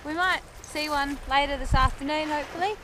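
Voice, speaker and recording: High-voiced easygoing woman outdoors. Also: brisk, noisy background. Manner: relaxed, laughing, easygoing. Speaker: sailing vlogger. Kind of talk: casual chat to camera. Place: outdoors on an island beach. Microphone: action camera held at arm's length.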